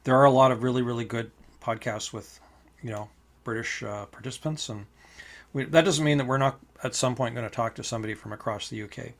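A man's voice: mid-range voice, steady tone, brisk. A man co-hosting a wargaming podcast in casual chat, reading listener mail aloud in a chatty, amused way and often restarting his phrases. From Canada. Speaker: podcast co-host.

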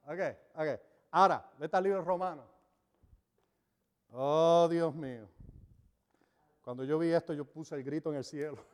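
A man's voice: a little high, measured pace, pauses often, smooth. A man preaching a sermon to a congregation, emphatic, drawing out key words and checking that his listeners are following. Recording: long reverb of a large hall.

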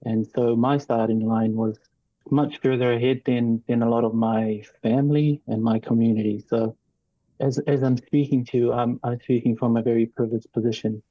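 A man born in New Zealand and raised partly in Tonga, a guest in an interview, speaking in a measured, reflective way with frequent ums and restarts. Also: medium pitch, fairly even intonation, no room sound, highs cut off. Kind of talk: casual interview talk.

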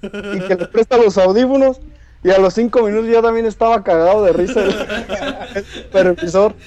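A man's voice: high voice, moderate pace, crowd noise. A man with a Mexican accent calling in to a podcast over an internet call, chatting casually, laughing often and restarting his phrases as he tells a story. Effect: heard over an internet call line. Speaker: caller to a podcast. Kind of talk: casual chat, telling an anecdote. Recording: dull, dry internet call audio.

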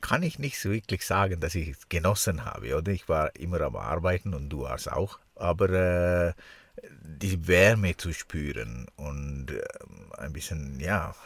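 A very low-voiced man co-hosts a casual podcast with a foreign accent. He sounds blocked in the nose, as with a broken nose, and speaks slowly, searching for words. His pitch moves in a lively way, and the sound is close and dry. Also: dry recording. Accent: foreign accent in German. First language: not German. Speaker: podcast co-host. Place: small camper van used as studio.

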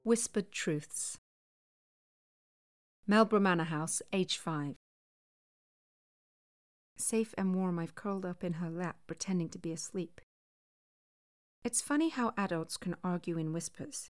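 A woman narrating a novel as an audiobook reader, steady and measured. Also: on the low side. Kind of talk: scripted narration.

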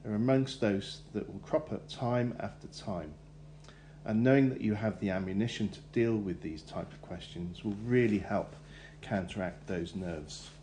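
In a scripted segment, a careers adviser offers interview tips in a measured, instructive manner. His low voice comes across mellow and relaxed, with a faint hum lingering behind it.

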